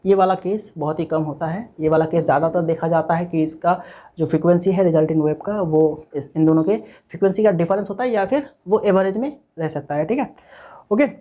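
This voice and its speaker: A teacher with a warm, mid-range voice delivers a recorded online physics lecture at a fairly quick clip. The explanation moves step by step, with key points repeated, English technical terms mixed in, and frequent "okay" check-ins.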